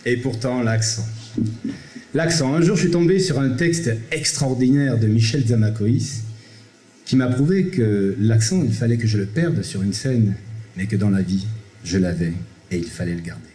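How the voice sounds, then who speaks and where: On a theatre stage, a man with a Provençal French accent performs a one-man comedy show, bantering theatrically with the crowd before shifting into solemn poetic recitation. His mid-range voice is warm, with lively intonation and a moderate pace. Captured on an amateur camera, the audio is reverberant with slight background noise.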